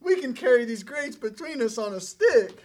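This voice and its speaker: A performer playing an excitable, nervous Israelite spy in a children's Bible skit, with exaggerated exclamations. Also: mid-range voice, normal speed, close to an everyday voice. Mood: excited.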